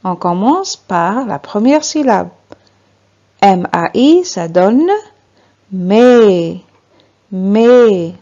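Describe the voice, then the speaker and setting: A woman teaching a beginners' reading lesson at a very slow, deliberate pace. Her pitch rises and falls a lot as she spells out letters and syllables and repeats each word. The recording is slightly dull and lo-fi. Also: big pitch swings, darkish tone. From Algeria.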